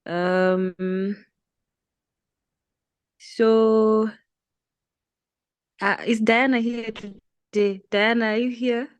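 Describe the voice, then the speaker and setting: A woman from Malawi, a student answering hesitantly in an online tutorial, with many pauses. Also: fairly high pitch, steady tone, smooth, no room sound. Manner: hesitant, many ums, laughs nervously.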